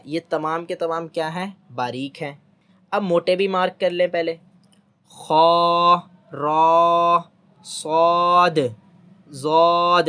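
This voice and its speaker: A patient man gives a recorded lesson on reading letters, spelling out each sound clearly and repeating himself often. He keeps pausing to check that his listeners are following along. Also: high-pitched. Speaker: Quran reading teacher.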